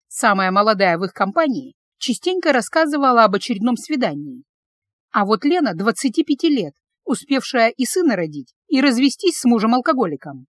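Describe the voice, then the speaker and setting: A woman reads a story aloud with lively, emotional expression. Her fairly high voice moves a lot, recorded close and dry. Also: dry recording. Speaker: narrator. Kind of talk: scripted audiobook narration.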